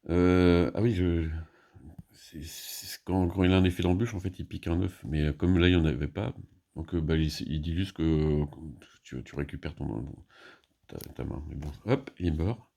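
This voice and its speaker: A man's voice: low voice, moderate pace, vocal fry, warm tone. A man casually explaining his moves in a solo board game, thinking aloud with many hesitations and restarts.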